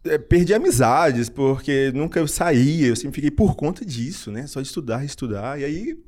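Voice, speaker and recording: A young Brazilian man talks through a personal story as a podcast guest, his voice sitting at an ordinary middle pitch. He gets animated, laughs often and circles back on his own phrases. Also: moderate pace. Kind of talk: casual storytelling in an interview.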